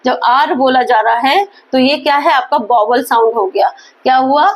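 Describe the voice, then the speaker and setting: A woman teaching an English grammar lesson in Hindi, asking questions and answering them herself and reading example sentences slowly. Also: high voice. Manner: slow, spelled-out example sentences.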